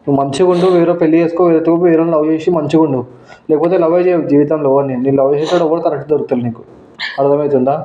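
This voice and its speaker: A man's voice: fairly high pitch, mellow, roomy sound, slight background noise. A man talking in a cold, dismissive and insistent way in an emotional scripted skit.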